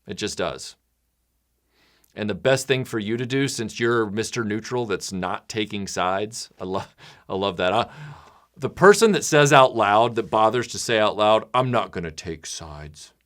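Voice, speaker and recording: A man speaking bluntly and casually to his supporters, now and then mimicking other people in loud, high voices. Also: normal speed. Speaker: channel creator addressing patrons.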